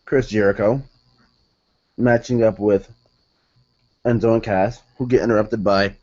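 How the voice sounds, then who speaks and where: A man's voice: lowish voice, fairly even intonation, measured pace, mellow, muffled recording. A young man reviewing a wrestling show in casual solo talk, rambling, correcting himself and sounding exasperated.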